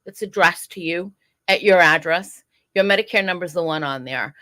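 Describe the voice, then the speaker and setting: Earnest woman giving advice, low voice. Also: a little fast, bright, forceful tone. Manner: earnest, advising listeners. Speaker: guest program director. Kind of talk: casual podcast interview.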